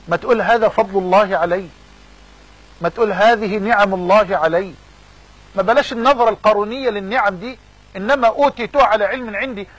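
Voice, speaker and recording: A man's voice: sits high, a bit bright, husky, low-quality recording. A man preaching a sermon in an Egyptian accent, fervent and repeating phrases for emphasis. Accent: Egyptian Arabic.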